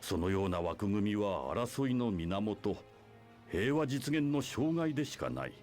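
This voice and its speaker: With music underneath, a man voices an imperious, scheming church leader preaching his doctrine in grandiose, archaic formal phrases, like a dramatic Japanese video game scene. His deep, sweeping pitch comes with a very animated, brisk, darkish tone, and the mood is grandiose and scornful.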